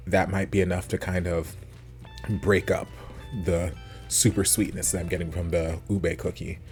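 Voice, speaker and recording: A man with a low voice and an American accent talks casually to his viewers like a food vlogger. He rambles informally, thinking out loud as he goes, with light music underneath. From United States. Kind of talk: casual rambling chat to camera.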